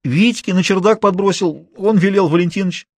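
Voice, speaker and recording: Panicked petty thief, high strained voice, frantic, repetitive pleading, storybook reading. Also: male voice, a little fast, darkish tone, no room sound. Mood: begging. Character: terrified petty male thief, pleading and babbling.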